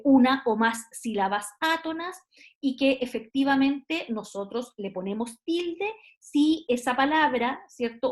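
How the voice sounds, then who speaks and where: A woman giving an online university lecture, thinking aloud with many fillers and tag questions. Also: fairly high pitch.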